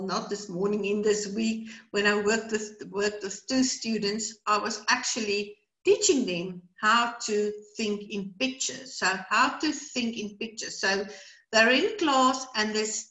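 A middle-aged South African woman, Afrikaans her first language, presents a webinar on brain training over a video call, rambling with plenty of fillers and repeated words. Her voice is mid-range and fairly bright. The webcam recording from a small indoor room sounds roomy and low in quality.

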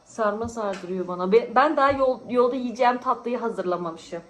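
A woman's voice: on the high side, moderate pace, rough recording. A tired woman vlogging in casual, teasing chat with friends at a friend's home. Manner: chatty, teasing, often laughing.

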